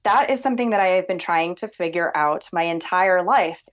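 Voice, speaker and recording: A woman's voice: fairly low pitch, fairly quick, muffled recording. A woman podcast producer with a soothing voice, talking reflectively in long winding thoughts as an interview guest. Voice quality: soothing, relaxed voice. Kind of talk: casual conversational interview.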